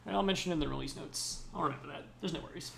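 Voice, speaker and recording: Gravelly-voiced man mumbling through code. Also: a little high, very fast, noisy background. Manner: mumbling to himself, self-talk with hedges. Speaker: programmer livestreaming his work. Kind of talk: casual thinking-aloud while coding.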